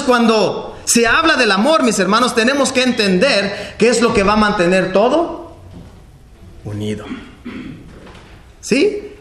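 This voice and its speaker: A man preaching a sermon with impassioned delivery, often dropping low and quiet at the ends of phrases. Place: church hall. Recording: echoey church hall, faint background noise.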